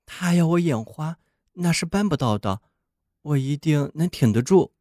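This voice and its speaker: A man's voice: a little high, expressive, moderate pace, warm tone, dry recording, voice pushed up, lightly acted. A naive snowman newly built in the snow, talking in a raised, wondering voice, as a man puts him on. He boasts and longs aloud in a storybook reading, his words sitting close and dry. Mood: boastful. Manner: wondering, boastful then wistful.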